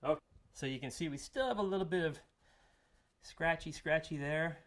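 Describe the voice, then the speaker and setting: A man's voice: fairly high pitch, moderate pace. A man giving a casual woodworking tutorial in his workshop, talking easily while he files and sands. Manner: relaxed, talks while working with tools. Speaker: woodworking instructor. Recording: workshop noise under the voice.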